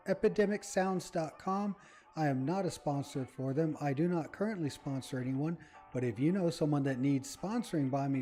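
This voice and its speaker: A man's voice: on the high side, dark tone. A man casually commentating his game as he plays, rambling and talking to his viewers. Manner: rambling, chatty, talks to viewers. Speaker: gaming channel host. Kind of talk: casual let's-play commentary. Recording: faint background music.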